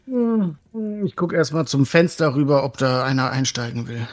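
A man's voice: medium pitch, very animated, moderate pace. A man playing a tabletop role-playing game, describing his actions in casual improvised talk.

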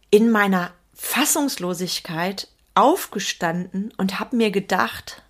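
A woman hosts a solo motivational podcast for business owners, earnest and emphatic. She leans on key words and repeats them to drive a point home. Her pitch sits in the middle for a woman. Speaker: podcast host and business coach.

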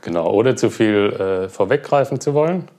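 A young man being interviewed, talking relaxed about his work with many fillers. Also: fairly low pitch, normal speed. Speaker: guest, cloud platform engineer. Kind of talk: casual interview.

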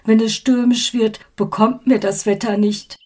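A woman voicing the peevish ghost of a dead man, his voice muffled as if coming up from deep underground. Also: fairly even intonation, measured pace, warm tone. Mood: fretful. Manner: peevish, complaining. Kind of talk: storybook reading.

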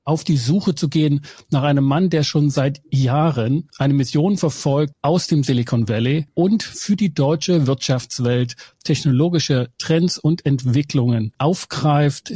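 Male podcast host with a dark, slightly husky voice; composed and articulate, dry close recording. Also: medium pitch, no echo. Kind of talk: podcast intro and interview.

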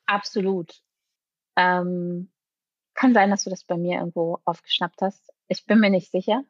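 Husky-voiced woman coach, dry sound. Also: fairly low pitch, normal speed, dry recording, highs cut off. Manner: animated, acts out quoted dialogue with many ne? tags. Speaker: product management coach, guest. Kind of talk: podcast interview talk.

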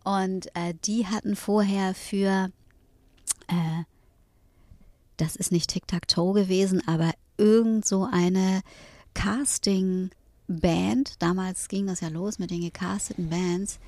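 A middle-aged woman from northern Germany, talking as an interview guest in a thoughtful way, pausing often with fillers. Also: mid-range voice, fairly even intonation, a little mellow, no room sound. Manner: thoughtful, with many hesitations and fillers. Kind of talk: reflective conversation.

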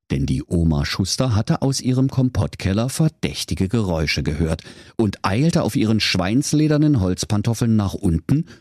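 Brief: husky male storyteller, lower voice, playful and animated. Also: dry recording, clean studio sound. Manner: playful, expressive. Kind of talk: comic storybook narration.

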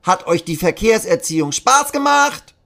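A shrill, cheery puppet jester. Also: male voice, very animated, normal speed, creaky, full character voice. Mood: cheery, questioning. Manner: high, loud, sing-song questioning. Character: cheery male puppet jester teaching kids. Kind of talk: children's audio story.

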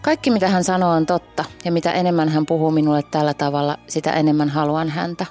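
A woman's voice: low-pitched, steady tone, a little mellow, soft background music. A woman guest on a podcast, talking in a thoughtful way and searching for words as she reads aloud and reflects. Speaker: guest journalist. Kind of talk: casual podcast chat and reading aloud.

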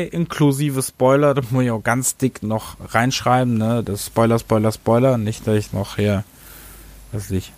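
A man's voice: medium pitch, no room sound. A man hosting a casual game review podcast, rambling and often tripping over his words and correcting himself. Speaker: podcast host.

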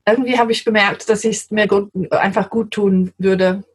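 A woman's voice: medium pitch, steady tone, moderate pace, slightly rough. A woman in her forties from London with an English accent, talking in German as an interview guest, giggly and hesitant with many fillers. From London, England. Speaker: guest, translator. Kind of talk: casual interview chat.

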